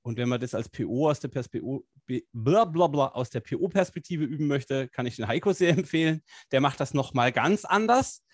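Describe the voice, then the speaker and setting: A man's voice: medium pitch, expressive, normal speed, hardly any pauses, no echo, studio quality. A man co-hosting a live stream, an agile coach talking casually and energetically with many fillers.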